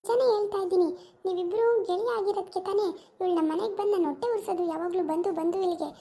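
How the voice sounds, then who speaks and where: A woman's voice: very high voice, fairly even intonation, racing. A woman playing a jealous, hot-tempered wife. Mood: scornful. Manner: scornful, accusing, shouting insults. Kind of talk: amateur village drama acting.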